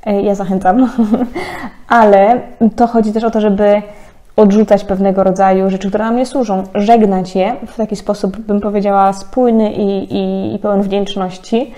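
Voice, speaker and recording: A woman in her thirties giving a casual, chatty card reading, often laughing and filling pauses. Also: mid-range voice, level tone, warm tone. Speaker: tarot card reader.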